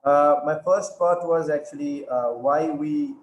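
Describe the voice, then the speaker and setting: A man's voice: fairly high pitch, unhurried. A man asking a question on a panel call, polite and hesitant, repeating himself. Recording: echoey room with faint background noise.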